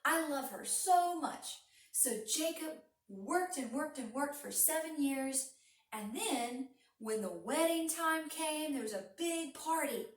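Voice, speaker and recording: A woman telling a Bible story to children in an animated, child-directed way, with frequent restarts. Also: sits high. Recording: roomy, from a distance.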